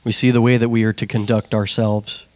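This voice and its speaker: A young man delivers a sermon with a slightly low-pitched voice. He talks plainly and conversationally, asking the congregation question after question, with the odd restart along the way. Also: flat delivery, brisk, darkish tone, no echo. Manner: asks the congregation one question after another. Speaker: lay preacher.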